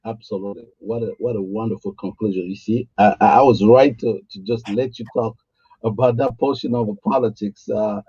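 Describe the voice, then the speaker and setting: A man's voice: on the low side, steady tone, brisk, mellow, husky, no room sound, lo-fi sound. A man hosting an interview show, hesitant, with many fillers and restarts. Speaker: show host.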